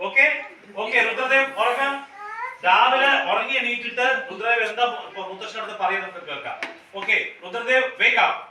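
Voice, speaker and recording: Woman preschool teacher, coaxing and repetitive, sharp bright tone, recorded far off in an echoey classroom. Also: a little high, brisk, a little hiss or hum. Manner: coaxing, repeats questions, mixes in English phrases. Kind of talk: classroom activity with small children. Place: classroom, indoors.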